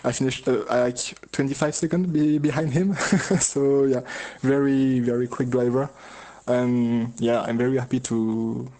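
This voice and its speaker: Flat-toned man. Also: mid-range voice, poor audio. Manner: halting, searches for words, chuckles often. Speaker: racing driver being interviewed. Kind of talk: casual post-race interview.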